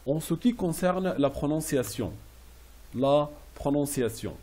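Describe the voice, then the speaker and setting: Slow, husky male French teacher. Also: a little high, lively intonation, dark tone. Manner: explains French phrases in English, repeating each slowly. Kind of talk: classroom phrase lesson.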